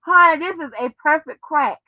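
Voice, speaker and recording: This woman's voice sits high and moves at a normal speed, recorded dry yet dull and lo-fi. An American host, she chats casually and with profanity to viewers and on the phone, lingering on exclamations and using folksy ways of addressing people.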